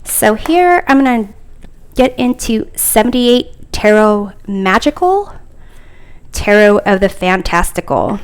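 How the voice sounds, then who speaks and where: Unhurried woman with a smooth voice. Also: mid-range voice. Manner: hesitant, frequent fillers, thinking aloud. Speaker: tarot deck reviewer. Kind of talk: casual unboxing chat.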